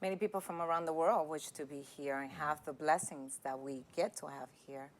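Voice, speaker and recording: A woman's voice: deep voice, steady tone, fairly quick. Emphatic middle-aged woman. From Dominican Republic. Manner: emphatic, passionate storytelling. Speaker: guest. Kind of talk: personal testimony.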